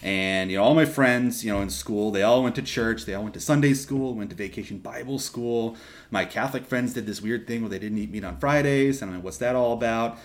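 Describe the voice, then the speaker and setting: A young man from Texas, a seminarian guest on a podcast, telling his story casually with lively restarts and asides. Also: medium pitch. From Texas, USA. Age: young adult. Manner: animated, quick asides and restarts.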